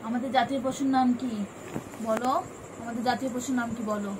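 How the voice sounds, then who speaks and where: Woman, high voice, repeatedly quizzing and coaxing, noisy home recording. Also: steady tone, brisk. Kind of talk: home video chat with a cat.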